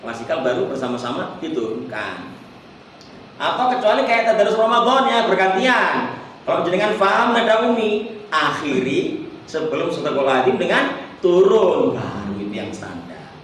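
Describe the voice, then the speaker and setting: High-voiced man teaching recitation in an echoing hall. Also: very animated, a bit bright, slight background noise. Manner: explains then sings Quranic verses slowly for the group to repeat. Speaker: Quran recitation trainer. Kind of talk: teaching a workshop, demonstrating chanted recitation. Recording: echoey hall, distant mic.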